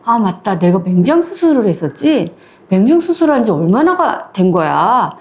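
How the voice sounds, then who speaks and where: A woman's voice: mid-range voice, sing-song, normal speed, darkish tone, pitched below the performer's own voice, lightly acted. A woman voicing a confused man who has just woken in a hospital bed, muttering to himself.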